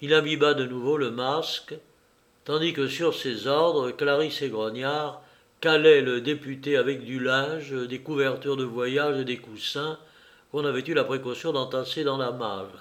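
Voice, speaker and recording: A man narrating a classic novel as an audiobook, in a steady, measured storytelling manner. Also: medium pitch.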